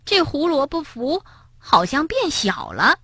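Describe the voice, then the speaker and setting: A woman voicing a timid, easily frightened big female rabbit in a children's storybook, in a shrill, panicky voice. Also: sing-song, a little slow, pushed and bright, dry recording, clean studio sound, full character voice. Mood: puzzled.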